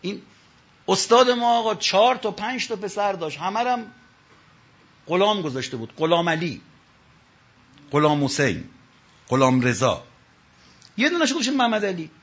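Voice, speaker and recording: A man preaching a religious sermon from the pulpit, telling stories and swinging between loud calls and low asides. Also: big pitch swings, pauses often, slightly rough, highs cut off.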